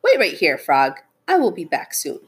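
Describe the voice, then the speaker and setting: A woman voicing an excitable, easily flustered male toad from a storybook, with exclamatory, dramatic delivery. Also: sits low, moderate pace, slightly rough, exaggerated voice. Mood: eager.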